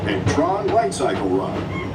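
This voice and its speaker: A man voicing a futuristic transit announcer in a measured scripted announcement, heard over an outdoor loudspeaker. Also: a little high, sing-song, over a noisy crowd. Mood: announcing. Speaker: ride announcer. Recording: echoey distant loudspeaker, loud ride noise.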